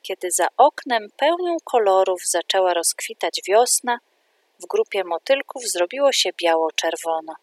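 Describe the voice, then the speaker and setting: Woman, children's story narration, calm, clear, mid pitch, dry close sound. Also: normal speed, no room sound. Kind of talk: reading a children's story aloud.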